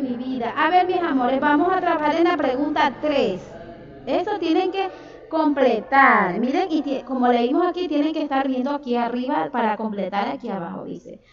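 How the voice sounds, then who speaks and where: A woman teaching a third-grade online class in Spanish, dictating and calling her pupils by pet names. She is from Ecuador and speaks with an Ecuadorian coastal accent. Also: sits high. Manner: affectionate, calls pupils "mi amor" and "mi vida". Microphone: computer mic on a video call. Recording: echoey, distant, dull video-call audio with children talking. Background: children's voices.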